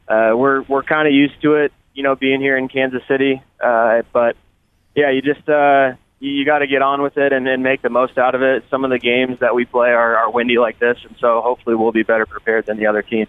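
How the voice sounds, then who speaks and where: A man's voice: medium pitch, level tone, brisk, smooth, no echo. Man on speakerphone from his car. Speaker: guest player. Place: driving in a car. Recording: tinny phone line.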